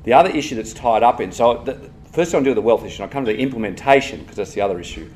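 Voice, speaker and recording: A man's voice: medium pitch, expressive, racing, darkish tone, slight background noise. An Australian man giving a live conference talk, emphatic and digressive, breaking into asides as he goes. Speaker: conference speaker on health policy.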